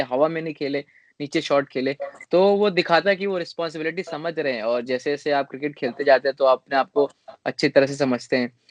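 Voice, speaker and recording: A man's voice: a little high, dry recording. Hesitant young man, dry dull audio. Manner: hesitant, many fillers and restarts. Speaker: cricketer, interview guest. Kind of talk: casual interview answers.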